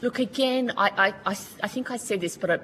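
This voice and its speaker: Testifying formally at a Senate committee hearing, this Australian woman speaks briskly in a fairly high, somewhat bright voice over slight background noise. She's earnest and colloquial, restarting often as she goes.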